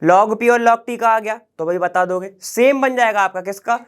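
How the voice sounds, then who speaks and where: A man gives a chemistry lesson for exam prep in a relaxed, conversational way. He keeps posing rhetorical questions and checking that his students follow. He mixes English technical terms into his everyday speech. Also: high-pitched, moderate pace, smooth. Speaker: chemistry teacher. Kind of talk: online exam-prep lecture.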